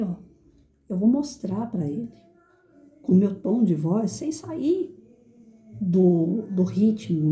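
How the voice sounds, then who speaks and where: A middle-aged woman, a teacher and educator, gives a reflective talk to an audience in a firm, clear, carrying voice whose tone is very dark and mellow. A roomy echo surrounds her, and she now and then acts out quotes in shrill, high voices.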